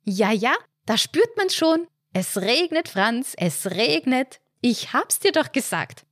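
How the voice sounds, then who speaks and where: A woman reads an agitated, stubborn elderly wife, her voice climbing high and insistent. Close and dry, storybook style. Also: slow, no room sound, heavily acted. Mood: triumphant. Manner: excited, insistent, triumphant.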